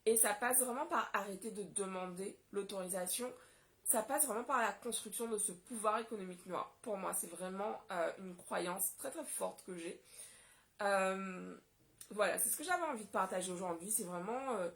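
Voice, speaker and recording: A woman's voice: medium pitch, normal speed, a bit bright. A woman from Guadeloupe talking straight to her audience in a casual solo vlog, impassioned and indignant. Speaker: vlogger.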